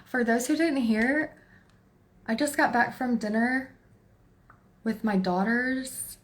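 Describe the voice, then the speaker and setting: A woman's voice: a little high, slow pace. Chatty Texan woman streaming live. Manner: chatty, laughing, talks to chat and herself. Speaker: tarot reader livestream host. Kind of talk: casual livestream chat.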